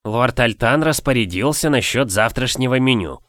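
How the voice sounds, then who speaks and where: A man's voice: medium pitch, expressive, moderate pace, a bit bright, dry recording, clean studio sound, natural voice. Man doing a curt, irritated head cook. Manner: curt, coolly polite.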